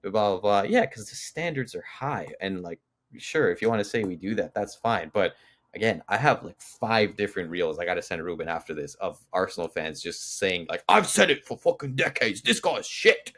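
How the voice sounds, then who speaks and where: With a deep, very low voice and a fairly bright tone at normal speed, this young football podcast co-host talks sports casually. His emphatic rambling is packed with fillers and false starts.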